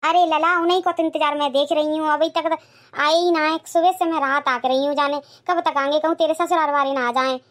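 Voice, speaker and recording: A woman's voice: high-pitched, fairly even intonation, a little fast, a bit bright. A woman voicing a fussy, doting old village grandmother in a cartoon. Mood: worried. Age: older. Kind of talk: cartoon dialogue.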